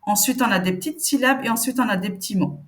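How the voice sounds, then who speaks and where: A woman teaching Arabic reading step by step, patiently sounding out syllables slowly for learners. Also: a little high. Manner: patient, slow demonstrations of each syllable.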